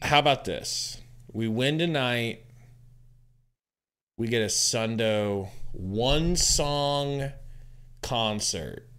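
A man in his thirties co-hosting a live game-reaction stream from home on a headset, with excitable, teasing banter. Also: medium pitch, very slow, long pauses, smooth. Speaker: podcast co-host.

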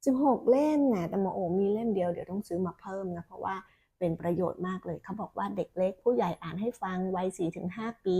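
This woman reviews children's picture books in a casual, chatty way and keeps dropping in soft filler particles. Her voice is dark and mellow, with a gravelly, slightly husky edge. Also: lowish voice. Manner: chatty, with frequent filler particles and self-corrections. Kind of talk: casual book review talk.

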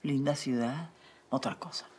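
An actress playing a composed, faintly aloof restaurant owner. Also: female voice, very deep voice, measured pace, darkish tone, breathy edge, heavily acted. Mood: poised. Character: cool, poised woman restaurant owner.

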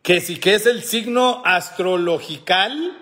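A man's voice: sits high, slow, bright, forceful tone. A middle-aged man hosting a casual live chat, joking, laughing often and reading viewers' comments aloud. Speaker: host.

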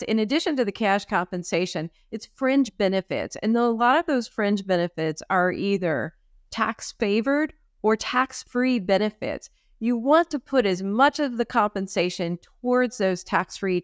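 A woman presenting a webinar on compensation planning over a video call, in a clear, direct way. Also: medium pitch, no room sound, studio quality. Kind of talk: explanatory webinar talk. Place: indoor room. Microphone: webcam on a video call.

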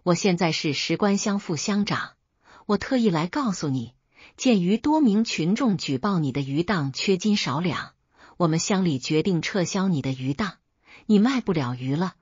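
Woman doing a booming angry village official. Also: lively intonation, moderate pace, a little mellow, breathy edge, dry recording, muffled recording. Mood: stern. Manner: booming, stern and commanding.

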